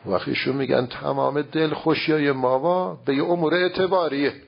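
Heard through a dull lo-fi recording, a man with a creaky, slightly rough mid-range voice teaches religious philosophy in an informal lecture. Rhetorical questions and everyday examples carry his explanations.

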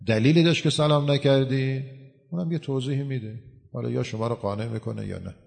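Male cleric, gravelly voice, explanatory sermon, long hall reverb. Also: mid-range voice, a little mellow. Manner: explanatory, uses everyday examples. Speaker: cleric answering questions. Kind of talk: religious talk to a gathering.

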